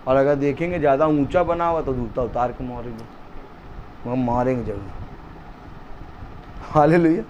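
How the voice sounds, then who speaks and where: A man preaching a fiery sermon at a home gathering, shouting and repeating lines for emphasis. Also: medium pitch, normal speed, long pauses, muffled recording, slight background noise.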